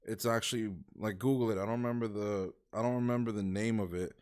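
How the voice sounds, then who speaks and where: A man's voice: on the low side, fairly even intonation, fast talker, a little mellow, smooth. A man streaming and reacting to videos, chatting casually, swearing freely and thinking aloud. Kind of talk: casual live-stream commentary.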